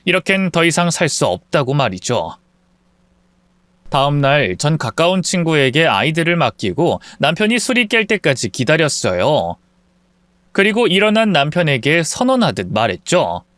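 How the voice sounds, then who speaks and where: A man tells a first-person story in a confiding, emotional way, his voice pitched high and lively. The sound is dry and close to the mic. It suits a radio-style story reading. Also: moderate pace, no room sound. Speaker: story narrator.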